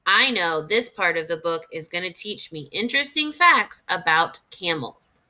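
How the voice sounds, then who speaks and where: For an audience of young learners, a woman teacher with a lowish voice reads a nonfiction book deliberately and with expression, pausing to think out loud.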